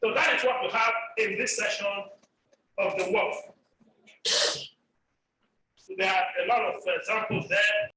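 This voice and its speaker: A man giving an academic presentation over a video call, explaining slowly and carefully and repeating example words. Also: high-pitched, sharp tone, slight background noise. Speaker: lecturer presenting on orthography. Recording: echoey room audio from far off the mic.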